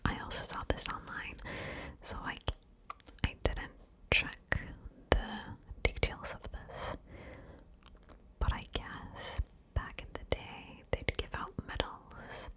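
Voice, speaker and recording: ASMR woman, breathy unvoiced whisper, unhurried, close binaural mic, playful small talk. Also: a bit bright, low-quality recording. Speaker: ASMR creator. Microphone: binaural mic, left and right ear.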